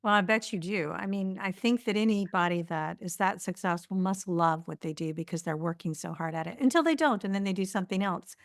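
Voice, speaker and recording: A woman's voice: medium pitch, fairly quick, few pauses, dry recording, clean studio sound. A woman hosting a podcast interview who introduces and questions her guest with enthusiasm and compliments. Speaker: podcast host. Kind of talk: hosted interview.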